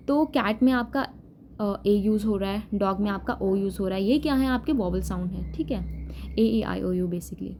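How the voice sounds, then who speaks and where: A woman's voice: on the high side, warm tone, a little hiss or hum. A woman explaining poetry terms in an exam-prep literature lesson, patiently mixing Hindi with English terms. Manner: repeats checks like "thik hai". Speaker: literature teacher.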